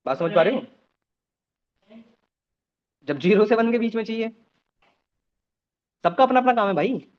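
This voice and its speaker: High-voiced programming teacher, lo-fi. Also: male voice, lively intonation, moderate pace, long pauses. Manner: explains step by step, checks students understand. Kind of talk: live coding class.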